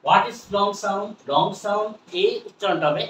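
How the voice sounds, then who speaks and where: A Bangladeshi man teaches pronunciation at a slow, careful pace, saying each word over and over and checking in with his viewers. His voice sits a little high for a man. He sounds a bit far from the mic in a roomy space with a faint hiss. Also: fairly bright tone. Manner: slow, repetitive drilling with frequent questions to viewers. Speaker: spoken English teacher. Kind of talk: pronunciation lesson.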